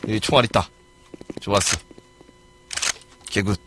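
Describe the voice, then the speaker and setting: A man streaming a game live and commenting as he plays, excitable, swearing and yelling at other players. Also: on the low side, a little slow, background noise.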